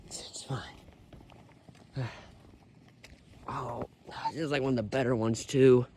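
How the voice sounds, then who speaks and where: This young man's mid-range voice stays fairly even and slow as he wanders a quiet road outdoors, vlogging in a rambling, filler-packed way and sighing often. The phone in his pocket picks up a noisy background.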